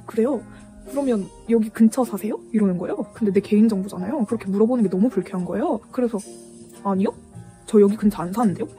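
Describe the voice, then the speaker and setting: A young woman vlogger telling a story in casual chat, acting out the quoted lines as she goes. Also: mid-range voice. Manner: animated retelling with acted-out quotes. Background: soft background music.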